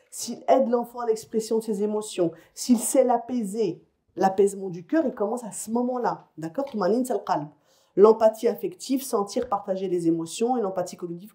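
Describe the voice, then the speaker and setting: A woman's voice: mid-range voice, mellow. A woman psychologist giving a conference lecture to parents. She explains in a conversational way and often checks in with her listeners. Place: lecture hall or conference room.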